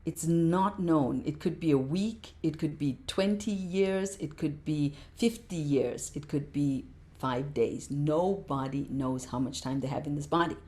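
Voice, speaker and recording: A woman with a low, mellow voice speaks as a podcast guest. She talks with passion and stacks up repeated words to drive her points home. She sounds middle-aged. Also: measured pace. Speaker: podcast guest, meditation teacher. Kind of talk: casual interview talk.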